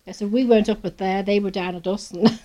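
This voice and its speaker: A woman's voice: medium pitch, fairly even intonation, brisk, mellow. An older woman with a Manx accent, reminiscing casually as an interviewee. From Isle of Man.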